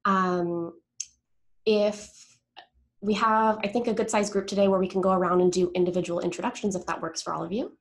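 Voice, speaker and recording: A woman's voice: medium pitch, fairly even intonation, brisk. A woman hosting an online community meetup, presenting informally and upbeat over a video call. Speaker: developer marketing presenter, call host. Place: indoors, remote video call.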